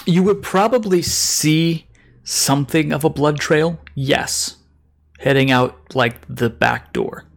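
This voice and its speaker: A man's voice: a little high, takes it slowly, vocal fry. A man running a tabletop role-playing game as game master, talking casually with many hesitations.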